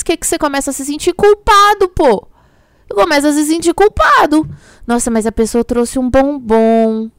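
A woman with a Brazilian Portuguese accent, a belief coach speaking candidly to her audience about relationships, emphatic and expressive. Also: a little high, clean tone, no echo, clean studio sound. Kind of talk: candid direct-to-camera relationship talk.

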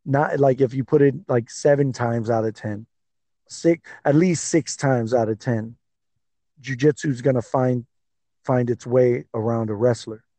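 Male podcast co-host, mid-range voice, rambling and excitable, dry close recording. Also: medium pitch, unhurried, dry recording. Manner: excitable, rambling with many fillers. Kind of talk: casual sports chat.

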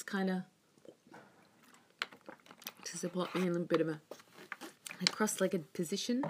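A woman chatting casually and softly to her audience, with breathy, near-whispered phrases and rambling asides, recorded on a phone in a bedroom. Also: on the low side, a little hiss or hum. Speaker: singer and ukulele player, host. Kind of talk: casual music vlog chat. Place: bedroom, sitting on bed by a window. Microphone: iPhone propped on a windowsill.

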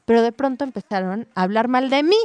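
A woman in her thirties or forties with a Mexican accent, a psychologist, telling a personal anecdote in lively conversation. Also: fairly high pitch, fast talker, clean tone, dry recording. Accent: Mexican Spanish. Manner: animated, tells anecdotes with quoted dialogue. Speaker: psychologist, guest or co-host. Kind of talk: casual conversational storytelling.

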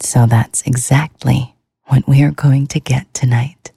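Slow, soft-whispering woman, breathy and dark. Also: extremely low pitch, fairly even intonation, no echo. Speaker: sleep podcast host. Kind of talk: whispered ASMR sleep talk.

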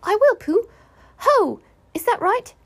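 Storybook piglet , acted by a woman: small, shy, earnest young male, very high squeaky voice. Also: very animated, takes it slowly, heavily acted. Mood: eager, hesitant. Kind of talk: children's storybook character voice.

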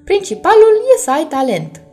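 A woman's voice: extremely high pitch, wildly swooping pitch, dark tone, faint music behind, voice pushed up, full character voice. A woman voicing an impatient little girl in a storybook reading, exasperated and dismissive. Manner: exasperated, brushing off.

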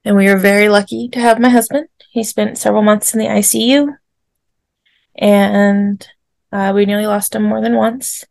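Creaky-voiced woman telling her story. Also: mid-range voice, moderate pace, no room sound. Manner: animated, acts out quotes, laughs often. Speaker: podcast guest. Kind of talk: casual storytelling.

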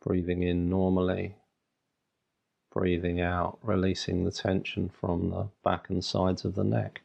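Male meditation guide, very creaky and husky, unhurried short phrases, flat delivery. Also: sits low, dull audio. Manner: soothing, unhurried instruction in short phrases with long pauses.

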